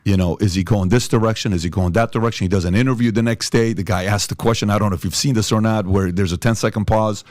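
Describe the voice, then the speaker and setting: An emphatic man from Iran hosts a podcast in a lowish voice. He circles back on points with plenty of fillers, and the sound is dry and close on a studio mic. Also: steady tone, quick pace, few pauses, a little mellow, no echo. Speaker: podcast host. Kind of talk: opinionated podcast chat.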